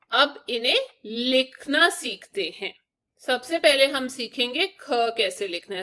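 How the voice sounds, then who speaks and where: A woman's voice: mid-range voice, a bit bright. A young woman teaching young children to write letters, explaining each step patiently and asking them questions. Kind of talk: children's Hindi lesson.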